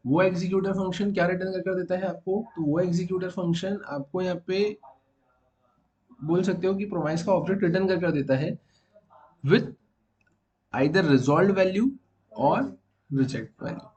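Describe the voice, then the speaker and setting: A man's voice: high-pitched, measured pace, long pauses, darkish tone, highs cut off. A man teaching a programming class to students in the room, explaining step by step and often asking whether everyone has understood. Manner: explains step by step, keeps checking if students follow. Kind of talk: classroom coding lecture.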